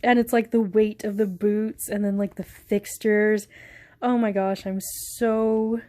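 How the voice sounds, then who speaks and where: A young woman vlogging as she unboxes shoes, gushing and giggly, breathless with excitement. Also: medium pitch, slow. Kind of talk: casual unboxing vlog.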